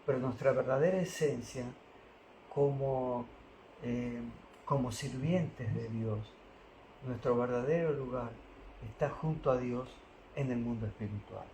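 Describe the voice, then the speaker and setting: A man, calmly explaining spiritual philosophy with pauses and Sanskrit terms. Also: medium pitch, echoey room, slight background noise, poor audio. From Argentina. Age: 60s. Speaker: spiritual teacher.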